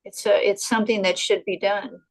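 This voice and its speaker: An older woman answering in an online devotional discussion, speaking haltingly with restarts. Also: medium pitch, level tone, low-quality recording. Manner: halting, with restarts and self-corrections. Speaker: guest answering questions.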